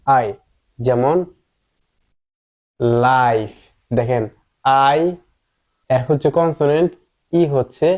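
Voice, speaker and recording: A man's voice: mid-range voice, a little mellow. A man, teaching an online English reading lesson and drilling words over and over in an emphatic, coaxing way.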